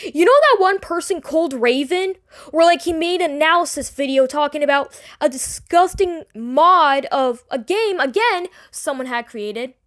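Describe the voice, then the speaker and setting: A woman giving an unscripted, defensive personal explanation to an online audience, rambling and halting with repeated words and casual swearing. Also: high-pitched, animated, fairly bright tone. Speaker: online creator addressing the audience. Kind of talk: unscripted personal apology and self-defence video.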